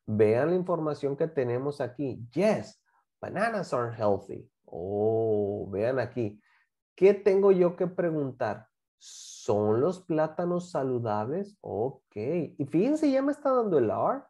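A woman, an English teacher giving a class to children, repeating example phrases slowly and quizzing her students. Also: extremely low pitch, big pitch swings, mellow. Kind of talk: online class teaching English grammar to kids.

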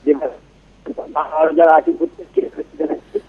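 A man's voice: fairly high pitch, sing-song, moderate pace, gravelly, crowd noise. A man calling in to a radio show over a glitchy phone line that keeps cutting out, giving brief, fragmented greetings. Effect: glitchy, breaking-up phone line. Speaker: phone-in caller. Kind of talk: festive greeting on a radio call-in.

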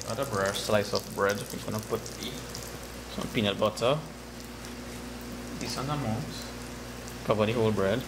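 A man's voice: fairly low pitch, normal speed, pauses often, heavy background noise. Trinidadian man cooking, sizzling pan. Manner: relaxed step-by-step explaining. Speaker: home cook. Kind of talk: cooking demonstration. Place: home kitchen. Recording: echoey kitchen with loud sizzling. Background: frying sizzle.

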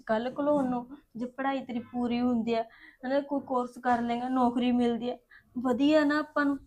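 A woman's voice: a little high, fairly even intonation, moderate pace, darkish tone, close to an everyday voice. A woman playing a tearful self-sacrificing elder sister. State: crying. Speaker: actress in a short family drama. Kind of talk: village family drama.

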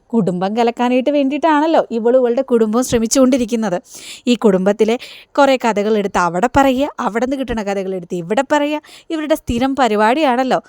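A stern, domineering matriarch who scolds sharply, as a woman reads her lines in a recap. The voice is fairly high. The sound is dry and close. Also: brisk, darkish tone, clear, resonant tone, no echo, close to an everyday voice. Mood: scolding. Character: stern scolding middle-aged mother-in-law.

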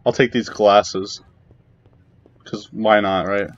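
A man's voice: on the low side, fairly even intonation, takes it slowly, no room sound, lo-fi sound. A man giving casual, hesitant commentary while playing a video game, full of fillers and the odd curse. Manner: rambling, hesitant, swears when startled. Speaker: gameplay video creator.

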